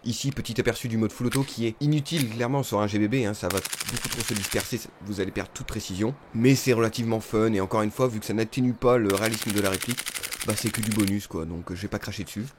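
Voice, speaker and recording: A man's voice: fairly low pitch, fast, background noise. A man with a Nord-Pas-de-Calais French accent giving a casual product review, chatty and full of little fillers. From northern France. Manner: chatty, peppers sentences with "hein" and "bah". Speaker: airsoft gun reviewer. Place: home setup, voice-over.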